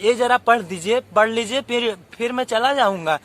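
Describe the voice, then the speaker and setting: Man as a tearful elderly father begging for a moment, bright voice. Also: sits high, steady tone, normal speed. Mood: pleading. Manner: pleading, tearful, repetitive. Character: elderly rich father, pleading and heartbroken.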